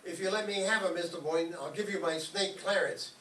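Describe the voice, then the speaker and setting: A man acts the part of a gushing, naive schoolboy in a vintage radio comedy in front of an audience, eager and cheerful and full of folksy slang. His high voice is fairly quick and sharp in tone, picked up by a distant microphone in a roomy space with faint noise.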